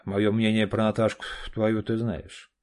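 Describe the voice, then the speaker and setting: A man's voice: on the low side, monotone, measured pace, a little mellow, close to an everyday voice. A man voicing a serious, probing middle-aged friend with a dry manner.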